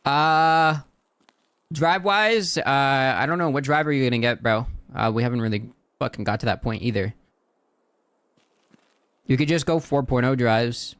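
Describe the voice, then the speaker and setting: Man, frat-bro manner, slangy and profane, casual streamer chat, mid-pitched voice, close dry sound. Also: moderate pace, pauses often, fairly bright tone, smooth, dry recording. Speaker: livestream host.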